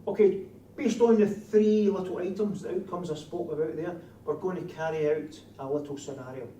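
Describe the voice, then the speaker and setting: Man, broad Scottish accent, slightly high voice, trainer questioning a class, roomy echo. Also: moderate pace, warm tone. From Scotland. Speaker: trainer of door supervisors. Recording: distant mic, echoey room, faint noise.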